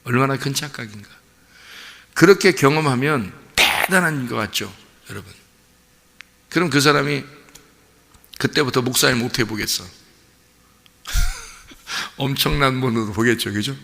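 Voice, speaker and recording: A man's voice: medium pitch, wildly swooping pitch, a little slow, creaky, pauses often, pushed and bright. A man preaching a sermon as pastor, telling a story animatedly and asking his congregation questions. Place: church sanctuary. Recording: church hall reverb.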